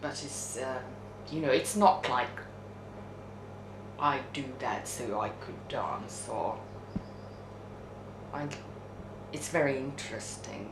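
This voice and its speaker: She's a middle-aged documentary subject who works as an interpreter, speaking English as a second language; she's from a non-English-speaking country beyond the UK. Her deep voice moves slowly with long pauses as she reflects openly and unhurriedly, groping for words and repeating some. Background hiss and echo fill the room.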